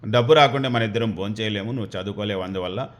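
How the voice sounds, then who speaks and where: A man voicing a poor widowed village mother who gently coaxes her son. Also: fairly low pitch, racing, close to an everyday voice. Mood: coaxing.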